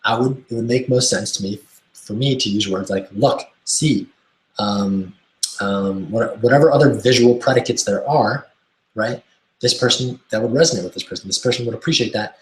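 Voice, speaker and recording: A man's voice: fairly low pitch, moderate pace. Enthusiastic man teaching a webinar. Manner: enthusiastic, keeps asking "right?". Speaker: self-help coach. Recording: roomy echo.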